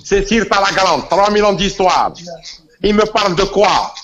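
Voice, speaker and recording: With a high voice, lively intonation and a moderate pace, an Algerian-accented man from Constantine argues as a guest in a heated political debate. He is insistent and forceful and keeps repeating himself, and the audio is muffled and lo-fi with faint noise.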